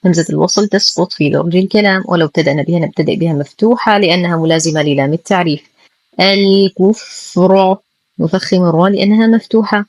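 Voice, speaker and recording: Brisk rule explanations alternate with deliberately slow, drawn-out sample readings as this woman teaches Quran recitation. Her voice runs on the low side, with no room sound.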